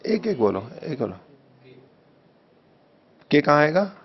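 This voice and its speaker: A man teaching a text study class, reading a translation slowly, repeating phrases and correcting the wording patiently. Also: fairly high pitch, sing-song. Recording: dull lo-fi recording.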